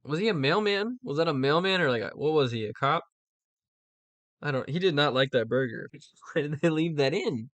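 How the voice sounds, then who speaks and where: A man's voice: on the high side, animated, normal speed, fairly bright tone, no room sound. An American man hosting casual, comedic commentary, rambling and second-guessing himself with dry humor. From United States. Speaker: host.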